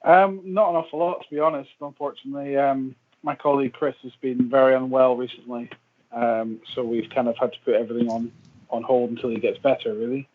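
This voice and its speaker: A man's voice: medium pitch, fairly even intonation, brisk. Guy on a thin phone-ish line, ums a lot, bit of background hiss. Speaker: paranormal investigator and podcast guest. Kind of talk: casual podcast chat. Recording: tinny phone-like line with faint noise.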